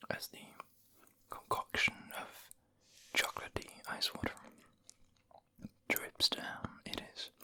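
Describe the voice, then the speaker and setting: A person whispering an ASMR food review in a breathy, unvoiced voice, savoring and unhurried, close to the microphone. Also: sharp tone. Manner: savoring, unhurried, with eating and mouth sounds. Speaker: ASMR video creator and host.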